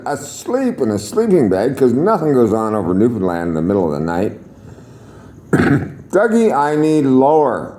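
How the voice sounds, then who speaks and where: An older man, a retired air traffic controller, telling stories to camera in a salty, swearing, lively way. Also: on the low side. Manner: salty, swears freely, chuckles, lively storyteller. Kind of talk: casual storytelling to camera.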